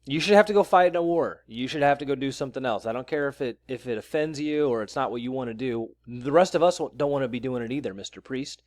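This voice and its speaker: Man, vlog rant, sarcastic, blunt, mid-pitched voice, dead dry sound. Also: fast, hardly any pauses, no room sound. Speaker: vlogger. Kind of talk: ranting commentary vlog.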